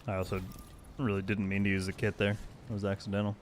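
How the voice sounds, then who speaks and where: A man's voice: lowish voice, little pitch movement, quick pace, a little hiss or hum. A man streaming a video game, chatting casually and thanking viewers by name. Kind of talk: casual live-stream chat.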